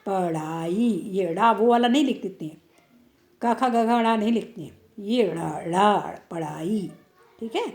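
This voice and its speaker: Slow-paced woman teacher, careful. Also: mid-range voice, a little mellow. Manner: slow, careful, repeats each word for pupils. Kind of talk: online grammar lesson.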